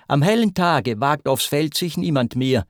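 A man's voice: a little high, animated, measured pace, no room sound, studio quality. A man voicing a group of desperate peasants pleading with their king.

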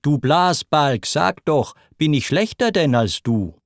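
A man's voice: mid-range voice, sing-song, slow, darkish tone, no room sound, studio quality. A man voicing a hot-tempered male messenger god in a spoken verse epic, mocking and quarrelsome. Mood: taunting.

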